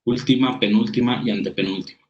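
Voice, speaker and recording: A man's voice: mid-range voice, steady tone, fast talker, lo-fi sound. A man teaching a writing workshop. He reads definitions aloud, then explains them with examples, restarting his sentences now and then. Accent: Mexican Spanish. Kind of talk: spoken lecture over slides.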